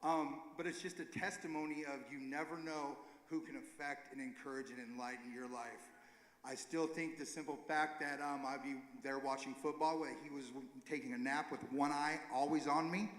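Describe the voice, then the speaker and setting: A man leading a recovery ministry gives an informal, earnest church talk, halting and correcting himself as he goes. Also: a little high, steady tone, fairly bright tone. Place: church sanctuary. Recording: echoey hall with long reverb.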